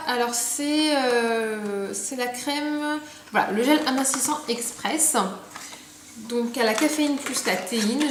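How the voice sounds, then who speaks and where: A young woman chatting casually about her purchases, full of fillers and restarts, recorded at home. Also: fairly high pitch. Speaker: beauty vlogger. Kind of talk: casual haul video chat. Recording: echoey room, faint background noise.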